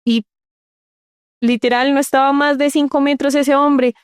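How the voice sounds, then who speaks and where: A woman's voice: high voice, little pitch movement, measured pace, dry recording, clean studio sound. A woman, telling her own story in an interview, earnest and repeating words for emphasis. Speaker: interview guest. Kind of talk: personal storytelling in conversation.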